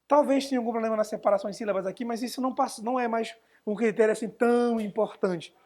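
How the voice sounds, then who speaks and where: A man's voice: extremely high pitch, fast talker, darkish tone. Chatty male writing teacher. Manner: chatty, answering viewers' chat questions. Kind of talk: live online class.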